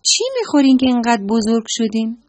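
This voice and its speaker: A woman's voice: a little high, fairly even intonation, no room sound, pitched above the performer's own voice, close to an everyday voice. A woman voicing a small playful frog who asks eager, wide-eyed questions in a children's story.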